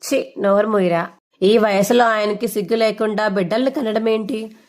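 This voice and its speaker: Lady reading a proud sharp-tongued mom, scolding, indignant. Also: medium pitch, fairly even intonation, normal speed, lightly acted. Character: proud, sharp-tongued middle-aged mother.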